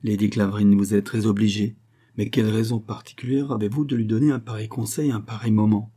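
A man's voice: on the low side, steady tone, fast talker, warm tone, close to an everyday voice. A man reading the part of a hostile, imperious baronet, cold and cutting in his questions. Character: haughty, hostile baronet, middle-aged man.

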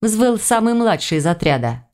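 A woman reading a first-person fantasy audiobook in a lively, expressive storytelling manner. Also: medium pitch, moderate pace. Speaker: audiobook reader. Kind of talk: scripted first-person narration.

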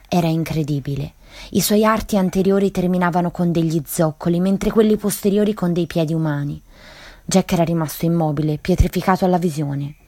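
A woman reads a story on a radio literature programme, measured and dramatic. Her voice sits low, and the sound is dry and close. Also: mellow, no room sound. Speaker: radio literature show reader. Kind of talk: reading a story aloud.

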